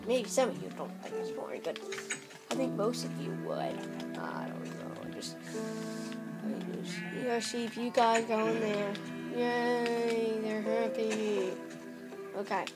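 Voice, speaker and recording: A young woman rambles through casual Minecraft commentary, squealing at small wins, her slightly high voice sing-song and slow. She's filming the TV with a phone camera, and music plays in the background.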